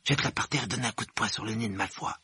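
A man's voice: lowish voice, rapid-fire, bright, forceful tone, slightly rough, dry recording, voice pushed up, full character voice. A man voicing an offhand young schoolboy.

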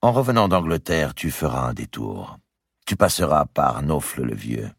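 A man voicing a shrewd, calculating old male banker in an audiobook, measured and wheedling. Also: a bass voice, sing-song, slightly rough, no echo, clean studio sound, heavily acted. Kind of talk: audiobook character reading.

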